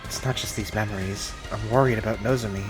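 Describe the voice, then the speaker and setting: A man's voice: fairly low pitch, fairly even intonation. Man reading game text over music. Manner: easygoing, quick to laugh. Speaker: streamer.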